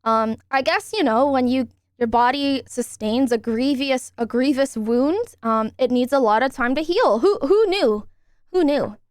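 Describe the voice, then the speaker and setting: A woman's voice: sits high, a little slow, no room sound, clean studio sound. A young woman streaming live, chatting casually and thanking her subscribers in an upbeat way while recovering from nose surgery.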